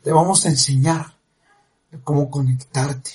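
Preachy, self-satisfied Mexican life coach, a man acting it, parody motivational tone, unhurried. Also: on the high side, steady tone, darkish tone, natural voice. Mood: solemn. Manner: slow, solemn, drawn-out preaching.

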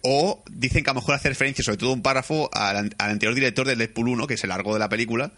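Young man, podcast co-host, rapid animated film chat, quick pace, bright tone. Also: mid-range voice. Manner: rapid, animated retelling with put-on voices for quotes.

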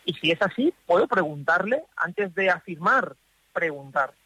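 A man speaking as a psychologist guest on a radio show from a parked car, thoughtful, with pauses and restarts. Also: sits high, animated, pushed and bright, slightly rough, no echo, low-quality recording. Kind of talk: explanatory radio talk.

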